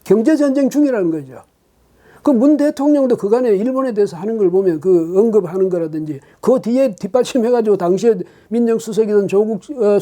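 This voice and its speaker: A man hosts his own political commentary show, speaking alone with emphatic rhetorical questions and many hesitant fillers. His voice is high-pitched and mellow.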